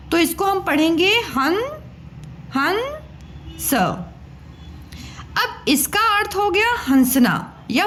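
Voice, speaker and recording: A high-pitched female teacher gives children a patient, coaxing lesson. She sounds out letters slowly and repeats them.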